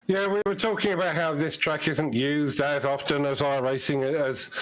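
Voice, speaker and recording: A man's voice: on the high side, steady tone, moderate pace, a bit bright, rough recording. A man commentating from the booth, asking the race winner questions in a friendly, easygoing way. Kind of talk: post-race interview.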